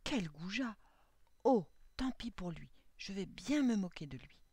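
A bold young village woman in a storybook tale, voiced by a woman narrator. She speaks in a lively, mocking way with a voice that leaps up and down. Close, dry sound. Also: medium pitch, unhurried, husky, dry recording, exaggerated voice. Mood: scornful.

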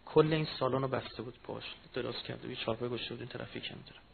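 A man giving a mourning sermon, telling a personal story, moving from low murmured storytelling to loud impassioned rising cries. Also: vocal fry. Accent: Persian of Iran. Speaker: religious speaker. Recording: tinny phone-like recording with faint noise.

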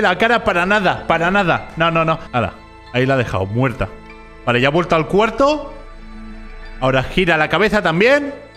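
A man giving sarcastic, jokey reaction commentary on a video, mocking it and jumping up in pitch when he exclaims. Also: sharp tone.

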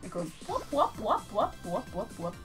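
Excitable young woman narrating her gameplay. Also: on the high side, normal speed, music in the background. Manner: excitable, swearing, big laughs. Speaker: gamer. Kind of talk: casual gaming banter.

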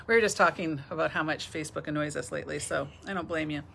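A woman's voice: low voice, fairly quick, gravelly, a bit bright, a little hiss or hum. Chatty woman hosting a live stream. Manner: chatty, laughs often, greets viewers by name. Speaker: bead store owner hosting a live stream. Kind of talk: casual live-stream chat.

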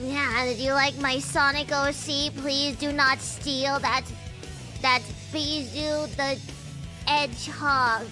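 A woman's voice: high-pitched, flat delivery, takes it slowly. A woman streaming a video game with silly mismatched redub lines, in a goofy, theatrical manner, often repeating and mimicking what is said. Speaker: livestreamer playing a video game. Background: video game music.

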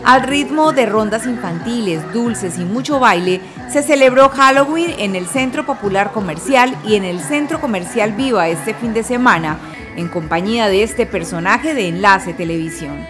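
A woman reporter reading a scripted news voice-over in an upbeat, even manner. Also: medium pitch, normal speed. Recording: music bed behind voice-over.

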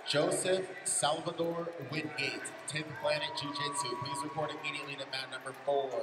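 A man's voice: on the high side, level tone, a little fast. A man making urgent tournament calls over a PA system, repeating names and last calls in a large indoor arena. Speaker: tournament announcer. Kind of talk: public address calls. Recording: echoey PA in a big hall, from far off, noisy.

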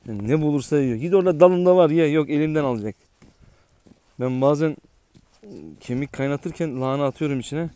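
A man vlogging outdoors in the snowy countryside with his dogs, talking calmly in a low, even voice. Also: fairly quick, clear, resonant tone. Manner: calm and low when talking to camera, yelling at the dog. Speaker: dog owner vlogger. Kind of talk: casual outdoor vlog.

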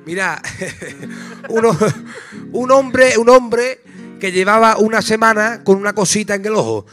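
A man telling jokes to a live audience in a high, bright voice. He keeps checking whether the listeners got the joke, while a guitar plays faintly behind him. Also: a little slow. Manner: asks the audience if they got it. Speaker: joke teller.

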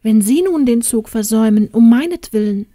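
A woman voicing a shy, tearful young woman traveller who pleads anxiously in high, rising tones. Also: animated, moderate pace, dark tone, no echo, clean studio sound. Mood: worried.

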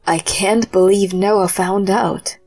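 A woman's voice: medium pitch, fairly even intonation, slow pace, a little mellow, husky, no room sound, soft background music. Woman doing a stammering cornered husband. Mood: defensive. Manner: hesitant, stammering. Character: cheating adult husband, evasive and cornered.

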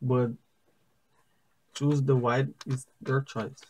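A science fair demonstrator, a native Portuguese speaker with a Brazilian accent, gives a slow step-by-step how-to in careful, halting English full of pauses and restarts. Seated at a wooden table indoors, he has a mid-range, level, darkish voice, and the poor audio carries slight background noise.

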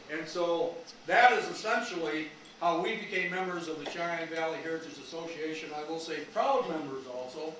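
Male speaker, 60s, American Midwestern, projected coach's voice, slightly high, folksy public talk, very echoey room. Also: a bit bright, recorded from a distance. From rural Wisconsin, USA. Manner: informal, folksy, rambling asides. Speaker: lecturer, retired history teacher. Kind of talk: informal public talk to a live audience. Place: community meeting room, indoors. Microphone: no microphone, picked up from across the room. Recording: echoey room from afar, faint noise.

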